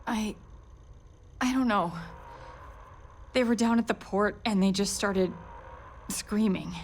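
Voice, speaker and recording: An actress playing a shaken female security officer in a game, halting and distressed. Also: medium pitch, slight background noise. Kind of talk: game dialogue.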